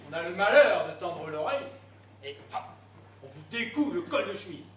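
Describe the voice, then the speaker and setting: A man's voice: high-pitched, very animated, moderate pace. Man acting a pompous prosecutor, oratorical, amateur stage comedy, faint hall noise. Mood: mock solemn. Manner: oratorical, mock-solemn. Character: pompous male prosecutor addressing the court. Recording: echoey hall, distant mic.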